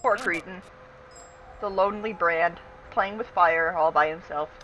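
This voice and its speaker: A playful woman gaming with friends, talking slowly with a bright, forceful tone. She jokes, sings bits and shouts at the game. Faint noise hums behind her. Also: lowish voice. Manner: playful, sings and laughs often, goofy shouts. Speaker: streamer playing a team game. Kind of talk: casual gaming chat with friends.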